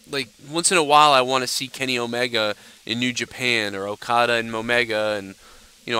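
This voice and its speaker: Answering viewers' questions on a casual live stream, a young male host rants bluntly and swears freely, his stuffed-up nose making him a little nasal. His mid-range voice comes across bright, forceful, clear and resonant.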